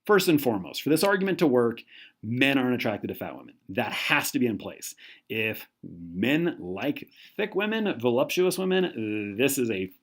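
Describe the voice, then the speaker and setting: A man lectures with a very lively, swinging pitch, animated and expressive. He slips into quoted voices mid-sentence and corrects himself with quick asides as he explains. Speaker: teacher. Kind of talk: recorded lecture.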